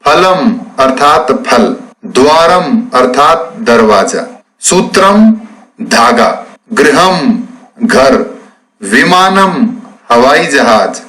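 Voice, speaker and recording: Slow, deliberate male teacher. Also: medium pitch, sing-song, pushed and bright, poor audio. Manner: slow, deliberate, spelling out words syllable by syllable. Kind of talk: classroom lesson explaining textbook exercises.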